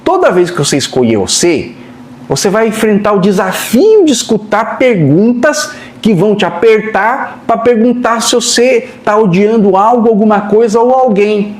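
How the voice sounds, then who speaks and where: A high-voiced Brazilian man giving a channeled spiritual lesson on a live stream. His pitch swings widely, and he is chatty, with a "né?" tacked on again and again. The recording has a roomy echo. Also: expressive, moderate pace. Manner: colloquial and chatty, tags lines with "né?"; acts out other people's voices in quotes. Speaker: medium channeling a spirit teacher.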